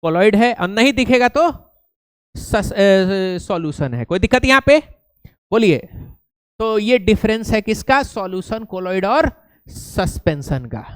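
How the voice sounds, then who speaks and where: A man's voice: high voice, lively intonation, slow pace, clear, resonant tone, no echo. A male science teacher, lecturing and prompting students with repeated questions. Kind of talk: classroom lecture with call-and-response questions.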